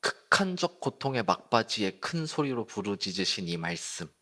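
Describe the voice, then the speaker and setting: A man's voice: lowish voice, big pitch swings, normal speed, sharp tone. A man preaching a sermon at a youth service, talking casually and putting questions to the congregation. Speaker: youth group pastor. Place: church service.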